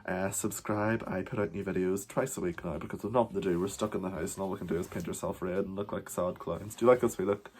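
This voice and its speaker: A chatty man with a lowish voice reviews an episode in a loose, rambling vlog. He talks from home in drag, swearing casually and dropping in "wee" often. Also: steady tone, quick pace, few pauses, darkish tone, breathy edge. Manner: uses the word wee. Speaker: drag performer reviewing a TV show.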